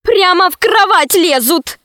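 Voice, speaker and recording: A woman's voice: sits high, sing-song, measured pace, dry recording, studio quality. A woman voicing a capricious, spoiled young princess in a fairy tale, talking in a whiny tone.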